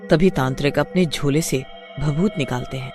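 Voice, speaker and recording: A man's voice: on the high side, normal speed, a little mellow, faint music behind. A man narrating a kids' storybook in a plain storytelling manner.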